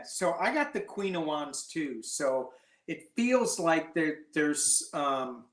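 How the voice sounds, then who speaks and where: A man, a guest on a tarot chat, talking slowly and casually with joking, self-mocking asides. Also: fairly high pitch, a bit bright. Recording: echoey room.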